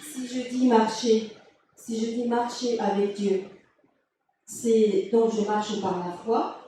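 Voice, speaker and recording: Slow, mellow woman answering in church. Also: fairly high pitch, flat delivery, slight background noise. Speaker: congregation member. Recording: distant echoey church room.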